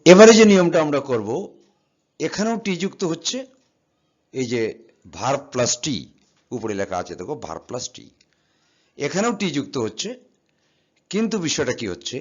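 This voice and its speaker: With a voice on the high side and big swings in pitch, a man teaches English verb forms at normal speed, leaving long pauses. He patiently spells out words letter by letter and answers his own questions in this slightly dull, lo-fi classroom recording.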